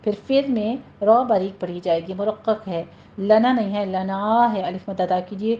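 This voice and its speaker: A woman teaching Quran recitation rules step by step, then reciting the example words slowly and drawn out. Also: mid-range voice, muffled recording, a little hiss or hum. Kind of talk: tajweed lesson with slow recited examples.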